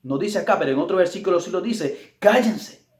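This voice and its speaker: A man preaching a Bible study with an emphatic, repetitive delivery that drives each phrase home. His voice sits a touch high for a man. The sound is roomy, with a clear echo around him. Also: fast talker, a little mellow.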